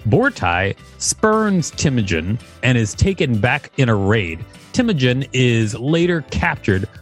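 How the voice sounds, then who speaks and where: This podcast co-host has a mid-range, sing-song voice and an unhurried delivery. He reads an article aloud while tossing in wry jokes. Soft background music accompanies the casual read.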